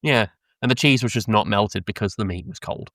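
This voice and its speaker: A man's voice: on the low side, fairly quick, fairly bright tone, no room sound, studio quality. Chatty British man telling travel stories. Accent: British English. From Britain. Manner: rambling storyteller, swears, laughs mid-sentence, many ums. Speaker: podcast co-host. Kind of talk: casual podcast chat. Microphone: close podcast mic, dry sound.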